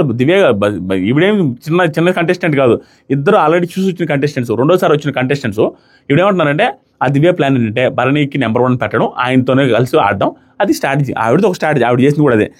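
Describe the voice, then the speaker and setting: Fast-talking man reviewing a reality show. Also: a little high. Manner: rapid, animated commentary, quoting others in passing. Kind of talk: casual spoken review.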